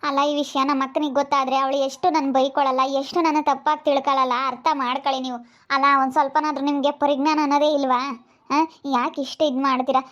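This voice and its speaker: A woman's voice: sits high, little pitch movement, fast talker, a bit bright, muffled recording. A woman playing a desperate young wife. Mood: protesting. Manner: pleading, then cursing angrily. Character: young wife resisting her brother-in-law, desperate, pleading.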